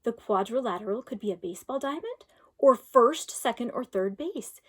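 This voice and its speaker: A woman with a slightly high, breathy-edged voice and lively intonation reads a children's storybook expressively. Her phrasing is deliberate and emphatic, teacher-style, as if for pupils.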